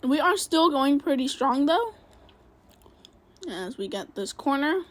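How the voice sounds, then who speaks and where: A woman's voice: sits high, big pitch swings, measured pace. A woman giving casual play-by-play commentary on her own racing game, rambling and self-critical, with many fillers. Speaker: gaming video creator.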